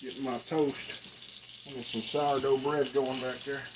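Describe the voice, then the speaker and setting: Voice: mid-range voice, level tone, moderate pace. A plainspoken, folksy home cook with an Arkansas Southern accent, chatting casually while cooking in a home kitchen. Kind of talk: casual cooking vlog chat. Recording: clear frying sizzle and kitchen noise. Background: frying food sizzle, stirring.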